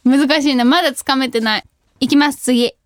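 A young woman hosts a casual radio chat show from a studio, reading listener mail with giggles and self-deprecating humor. Her high-pitched voice moves a little fast, and the studio recording is clean with no echo.

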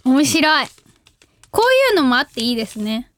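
A young woman runs a radio show, chatting casually as she reads letters from listeners, bubbly and full of giggles, now and then shouting out catchphrases. Her voice is high with wide pitch swings, and she talks at a normal speed.

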